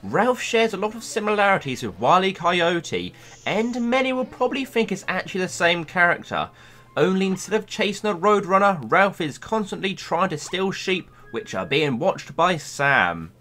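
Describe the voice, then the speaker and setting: A man hosting a video, reading a scripted countdown narration in a playful, lively way. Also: sits high, normal speed. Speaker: YouTube host.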